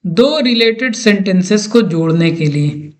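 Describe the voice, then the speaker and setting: A male teacher with a fairly high voice explains grammar at an unhurried, measured pace. He walks patiently through each example, step by step. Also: animated. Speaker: English teacher.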